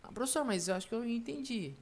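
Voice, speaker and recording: A man's voice: extremely high pitch, lively intonation, quick pace, voice pushed up, exaggerated voice. A man voicing a confused student who keeps asking the teacher doubtful, whiny questions. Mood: puzzled.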